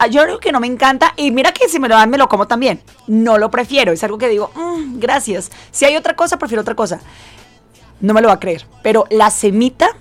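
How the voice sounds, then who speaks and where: Intense, chatty woman radio host. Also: on the high side. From not from Mexico. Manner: talkative, intense, excitable. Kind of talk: lively radio chat with callers. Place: radio studio.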